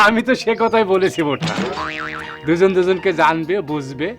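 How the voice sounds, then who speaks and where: Jovial family friend, male actor, light, slightly high voice. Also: lively intonation, brisk, faint music behind, natural voice. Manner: chuckling, easygoing. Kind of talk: TV serial acting.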